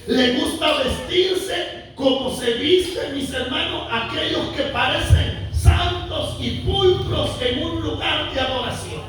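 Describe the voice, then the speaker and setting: A man preaching a sermon with impassioned, drawn-out emphatic phrases that rise to shouts, recorded in a church sanctuary. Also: very high-pitched. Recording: very echoey church hall, mic at a distance, faint noise.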